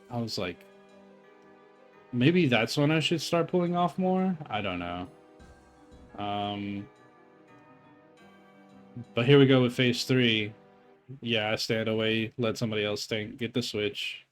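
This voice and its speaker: A young man casually commenting on his own gameplay footage, rambling and cursing, with lots of filler words, self-corrections and a slightly phlegmy throat. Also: medium pitch. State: phlegmy, clearing his throat while eating. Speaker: gamer reviewing his own raid footage.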